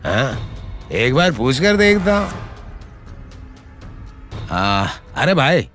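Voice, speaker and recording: A man's voice: mid-range voice, very animated, very slow, fairly bright tone, soft background music, exaggerated voice. A man playing a pushy visitor in a TV serial, insistently asking at a door for a woman. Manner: insistent, wheedling. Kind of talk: Hindi TV serial acting.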